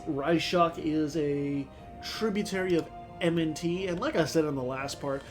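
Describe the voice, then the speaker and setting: His voice a little high and slightly mellow, a man nursing a sore throat and stuffy nose rambles through a casual let's-play of a strategy game, thinking aloud with frequent fillers.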